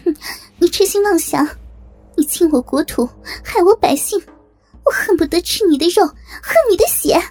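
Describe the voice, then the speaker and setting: A young heroine warrior, played by a woman telling the story, raises her voice high and loud in open defiance. Her words come out furious and unbowed, and faint music plays underneath. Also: moderate pace. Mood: defiant, furious.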